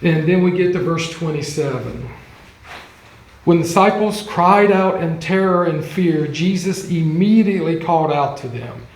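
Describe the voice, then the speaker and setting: A man teaching a Bible class in a casual, chatty way, with frequent ums and quick acted-out quotes. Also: a little high, slight background noise. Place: church classroom. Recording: echoey room.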